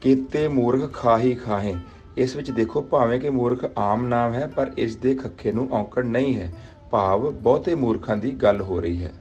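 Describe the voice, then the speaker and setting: A man teaching Gurbani grammar patiently in a dialogue lesson, with a gravelly voice. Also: mid-range voice, moderate pace, a little mellow, highs cut off, soft background music.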